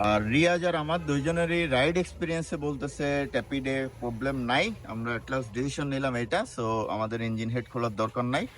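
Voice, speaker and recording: A man's voice: medium pitch, quick pace, few pauses. A man from Bangladesh, a motorcycle vlogger, talking bluntly and plainly and mixing in English phrases. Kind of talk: casual vlog talk. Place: outdoors on a city street.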